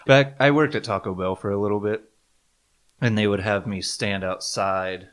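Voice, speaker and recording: A man's voice: lowish voice, fairly even intonation, normal speed, smooth. A man co-hosting a casual podcast, trading dry, easygoing jokes. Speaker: podcast co-host.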